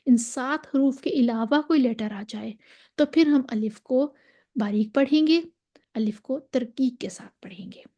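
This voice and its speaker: Slow pakistani urdu lady teaching quran recitation, mellow highish voice, muffled lo-fi audio. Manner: patient, repeats and drawls example syllables. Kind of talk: tajweed lesson with recited examples.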